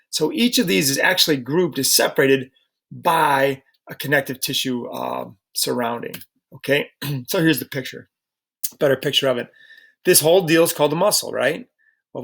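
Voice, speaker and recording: A man's voice: mid-range voice, vocal fry, a bit bright. A middle-aged man teaching a recorded slide lecture, casual and chatty, often checking in with rhetorical questions.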